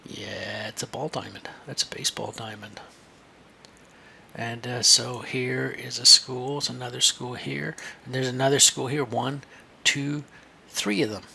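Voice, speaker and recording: A man's voice: mid-range voice, steady tone, unhurried, vocal fry, sharp tone, slight background noise. A man teaching a screen-share lesson for kids, chatty and thinking aloud as he points things out.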